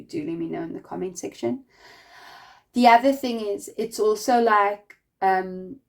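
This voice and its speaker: A woman reads tarot cards to her viewers in a loose, chatty way. She rambles and fills her sentences with little fillers and tag questions. She speaks warmly and directly to the listener, urging them on, in a voice of middle pitch. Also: gravelly. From not American. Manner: chatty and rambling, full of "like" and "right?"; encouraging, speaks straight to the listener. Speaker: tarot reader. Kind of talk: casual spiritual tarot reading to viewers.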